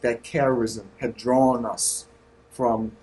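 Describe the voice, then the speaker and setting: A husky-voiced man in his sixties with a Southern US drawl speaks slowly and earnestly. He shares reflections with a small group and pauses often to find the right words. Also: mid-range voice, little pitch movement, a little mellow. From North Carolina, USA. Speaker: Redemptorist priest sharing reflections.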